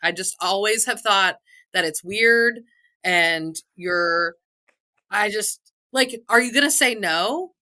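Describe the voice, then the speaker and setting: A woman's voice: medium pitch, slow, sharp tone. A woman co-hosting a podcast, ranting with emphasis in a casual chat. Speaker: podcast co-host.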